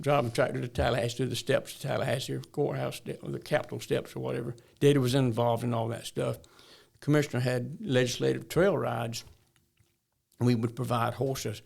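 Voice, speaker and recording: As an interview guest, this older north Florida man spins folksy stories in a brisk, flat, creaky delivery at medium pitch, his rural Southern drawl coming through.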